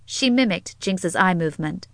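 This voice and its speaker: A woman narrating a romance audiobook in a measured, even storytelling manner. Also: fairly low pitch, no echo. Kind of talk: scripted narration. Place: studio. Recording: dry close studio sound.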